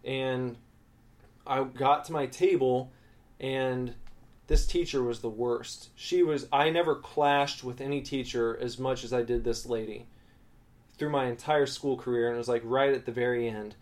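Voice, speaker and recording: A man's voice: medium pitch, fairly even intonation, a little slow, darkish tone. A young adult man co-hosting a podcast, telling a school story in rambling casual chat, with swearing and growing heat. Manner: rambling, profane, heated when recounting conflict. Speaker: podcast co-host.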